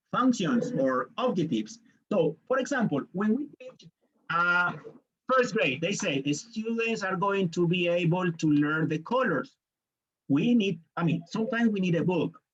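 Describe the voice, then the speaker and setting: Here a high-pitched Colombian man gives an online workshop lecture as a teacher trainer, and the recording has its highs cut off. He speaks Colombian Spanish, working through points step by step and occasionally voicing students and parents.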